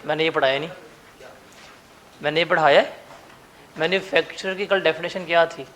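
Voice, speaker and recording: A man's voice: on the high side, fairly even intonation, moderate pace, a bit bright. A male teacher, teasing and coaxing his students to come up to the board during a classroom lecture.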